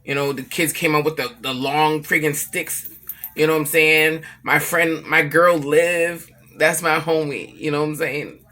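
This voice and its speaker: A woman vlogging casually about family, telling an animated, profane story and acting out what others said. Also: low-pitched, a little slow. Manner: emphatic, repeats herself for effect.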